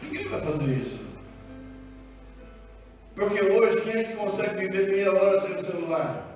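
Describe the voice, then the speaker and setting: A man with a Brazilian Portuguese accent preaching a sermon as pastor in a church, animated and acting out dialogue. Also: high voice, normal speed. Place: church sanctuary. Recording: echoey hall from far off, dull sound, music behind.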